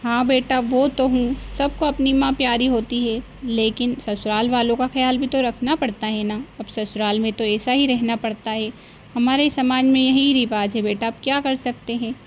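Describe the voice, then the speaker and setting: A woman voicing a gentle middle-aged mother in a cartoon, calm and advising. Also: on the high side, moderate pace, slight background noise, close to an everyday voice. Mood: soothing.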